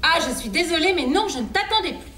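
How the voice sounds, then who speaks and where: A woman playing a very high, cool ex-partner. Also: animated, fast, sharp tone, heavily acted. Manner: cool and guarded. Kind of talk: amateur audio drama. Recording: echoey, distant and very noisy.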